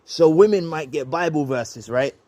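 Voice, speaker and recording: A man's voice: on the high side, normal speed, warm tone, no room sound. A man giving a heated, preachy commentary monologue. He repeats his phrases and ends his points with "right?". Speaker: vlogger responding to another video.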